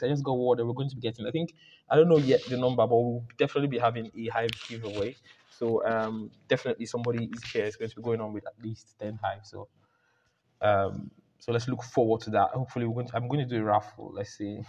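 A man's voice: medium pitch, a little mellow, slight background noise. A man hosting a casual book club voice chat, rambling with frequent restarts and fillers. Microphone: home mic on voice call. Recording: lo-fi voice chat audio.

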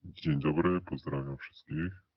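A man's voice pushed electronically down to an unnaturally deep, rumbling pitch to hide who he is. He talks slowly and hesitantly, filling pauses with drawn-out "e" sounds. The audio is dry, dull and muffled. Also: steady tone, slightly rough, dry recording. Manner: hesitant, with many drawn-out "e" fillers. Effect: voice pitched down electronically to disguise it. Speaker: interview guest. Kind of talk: recorded interview answers.

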